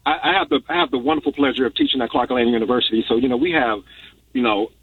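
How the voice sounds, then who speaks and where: Gravelly man on a tinny phone line. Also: mid-range voice, rapid-fire, far from the mic. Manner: earnest, repeats words while thinking. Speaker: guest, university professor. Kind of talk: conversational discussion.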